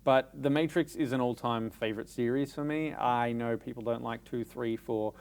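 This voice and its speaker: An Australian man co-hosting a casual chat, emphatic and animated when telling stories. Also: medium pitch, moderate pace. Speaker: podcast co-host. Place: cinema.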